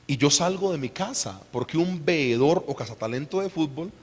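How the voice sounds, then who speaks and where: A man in his thirties with a Colombian accent, preaching a sermon in an animated, conversational way and putting questions to the congregation. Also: on the high side, normal speed. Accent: Colombian Spanish. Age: 30s. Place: church. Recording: long reverb of a church hall.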